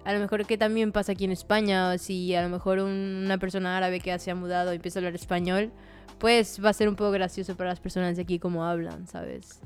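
A woman's voice: lowish voice, level tone, fast, soft background music. A woman from Latin America, a podcast guest, talking casually with many "you know" tags. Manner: chatty, many fillers and "¿sabes?" tags. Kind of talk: casual conversation.

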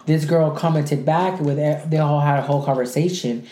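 A woman's voice: low-pitched, moderate pace, warm tone, a little hiss or hum. A woman co-hosting a casual pop-culture podcast, opinionated and rambling with lots of fillers. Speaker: podcast co-host. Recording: echoey room.

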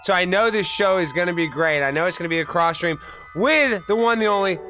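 A man's voice: high-pitched, lively intonation, brisk, sharp tone, soft background music. A man hosting a talk show, delivering a theatrical, ringmaster-style introduction with showy announcer patter.

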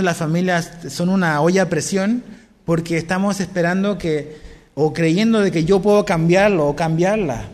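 High-voiced pastor in a reverberant hall. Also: male voice, darkish tone. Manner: conversational, asks the congregation questions. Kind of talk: sermon.

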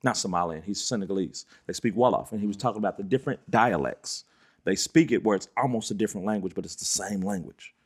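Podcast co-host, male, husky, insistent explainer in a casual debate. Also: on the low side, fast talker.

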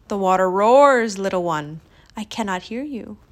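A woman's voice: medium pitch, animated, moderate pace, natural voice. A woman voicing a stern, imperious mother in a children's story, formal and theatrical in manner. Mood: calm.

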